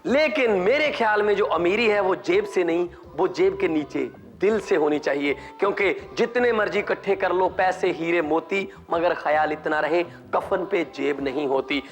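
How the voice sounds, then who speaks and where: An Indian man performing a stand-up comedy monologue on a TV comedy show, animated and slipping into character voices as he jokes. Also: sits high, unhurried, soft background music. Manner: animated, mimics characters mid-joke.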